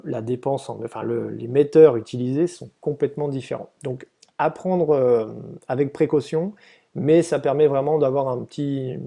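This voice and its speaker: A man's voice: mid-range voice, gravelly, warm tone. A man giving a casual, explanatory slide presentation to volunteers, hesitant, with many fillers and restarts.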